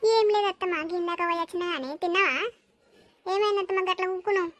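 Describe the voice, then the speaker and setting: A woman's voice: very high voice, steady tone, quick pace, no room sound. A woman voicing a grumbling young village daughter-in-law with a Telangana accent. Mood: sweet. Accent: Telangana Telugu. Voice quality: muttering, grumbling.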